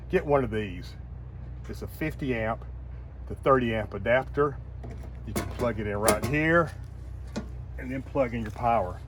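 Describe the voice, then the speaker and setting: Middle-aged man, casual how-to vlog host, average pitch, noisy outdoor recording. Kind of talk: casual step-by-step demonstration. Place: outdoors at a campsite and in an RV doorway. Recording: clear outdoor and vehicle noise.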